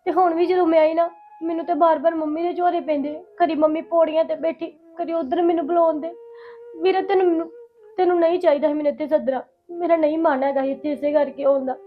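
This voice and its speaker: A grieving daughter, tearful and pleading, played by a woman with a bright, high voice. The recording sounds slightly dull. She speaks in the measured way of a family drama. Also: steady tone. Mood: hurt. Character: grieving married daughter who has lost her mother. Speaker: lead character Simrat. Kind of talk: Punjabi family drama acting.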